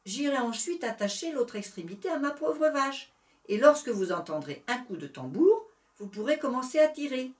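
A woman's voice: high-pitched, very animated, normal speed, reverberant, recorded from a distance, pitched above the performer's own voice. A woman voicing a small, clever, scheming male rabbit in a storybook reading, eager and breathless. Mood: pleading.

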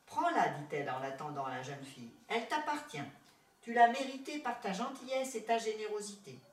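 Old fairy, calm and deliberate, read by a woman, roomy distant mic. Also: medium pitch, close to an everyday voice. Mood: kindly.

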